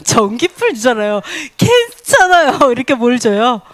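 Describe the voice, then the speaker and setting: Animated woman teaching a sermon. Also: high-pitched, moderate pace, no room sound. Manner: animated, asks many questions, laughs often, acts out quoted voices. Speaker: Bible teacher. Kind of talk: sermon teaching with questions to the audience.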